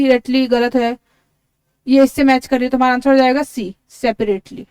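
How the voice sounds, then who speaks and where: Woman teacher, high voice, dry close sound, spells words letter by letter. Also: dry recording. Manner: explains step by step, repeats words. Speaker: English teacher. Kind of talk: exam-prep lesson.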